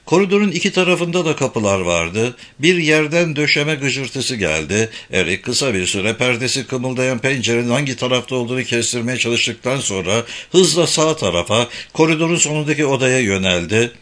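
Guy narrating an audiobook, bright voice, super animated pitch. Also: normal speed, few pauses. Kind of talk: scripted narration.

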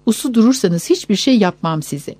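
Woman reading a curt armed intruder, male; clipped threats, mellow dry tone. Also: medium pitch, expressive, normal speed, no room sound, close to an everyday voice. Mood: threatening. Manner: curt commands.

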